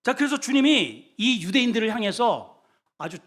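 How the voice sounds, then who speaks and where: High, animated Korean pastor preaching. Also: male voice, moderate pace. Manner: dynamic, swings from loud exclamations to low quiet asides; shouts often in his preaching. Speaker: senior pastor. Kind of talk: sermon.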